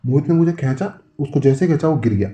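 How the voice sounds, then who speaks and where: A man's voice: a little high, lively intonation, quick pace, dark tone. A man hosting a horror podcast, casually retelling a friend's account in a conversational way. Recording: roomy, muffled recording.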